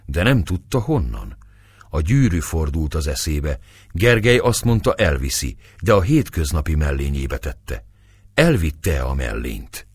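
A man narrating an audiobook in an expressive, dramatic way. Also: rumbling low, slightly rough, dry recording, clean studio sound.

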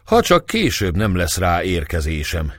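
A man voicing a calm, kindly older captain who speaks in a fatherly, measured way. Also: low-pitched, no room sound, clean studio sound, full character voice.

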